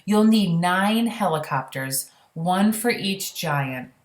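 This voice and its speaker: A woman voicing a gracious, commanding queen in a storybook, polite and crisp. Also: fairly low pitch, expressive, slow. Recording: roomy, echoey sound.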